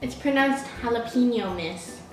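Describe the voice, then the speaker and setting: Skit: woman playing a curt, deadpan sandwich worker, high and slow, roomy echo. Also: far from the mic, a little hiss or hum. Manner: dry, curt, correcting the customer. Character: sassy deadpan female sandwich-shop worker.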